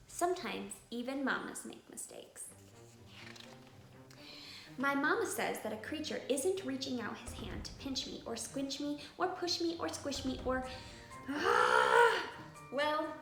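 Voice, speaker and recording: Reading a kids' story as a channel's host, a woman performs with animated drama, punching certain words and whispering at others. She sits high in pitch and moves a little slowly, with roomy echo and distinct background music.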